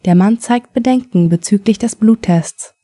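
A woman reading vocabulary words and a short story aloud slowly and clearly for learners. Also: mid-range voice, dark tone, dry recording, studio quality. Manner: slow, clear word-by-word reading.

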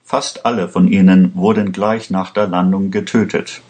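Ein Mann spricht einen besorgten Anrufer. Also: male voice, low voice, fairly even intonation, normal speed, darkish tone, close to an everyday voice. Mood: urgent. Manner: urgent, insistent. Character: worried male official on the phone.

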